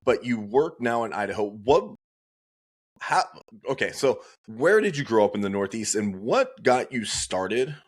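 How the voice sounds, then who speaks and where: Low-voiced male podcast host. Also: big pitch swings, a little slow. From US West Coast. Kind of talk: podcast interview.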